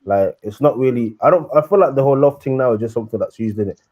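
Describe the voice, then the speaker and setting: Through a muffled recording comes a fast-talking young man with a mid-range voice, a panellist on a live discussion show. He chats casually in London urban roadman slang, frequently tacking "innit" onto what he says.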